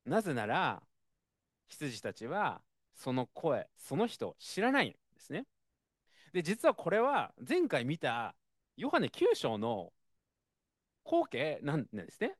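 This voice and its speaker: Male preacher, casual and expressive sermon, very lively pitch, dry close sound. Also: slow pace, dry recording. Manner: conversational, expressive, frequent fillers.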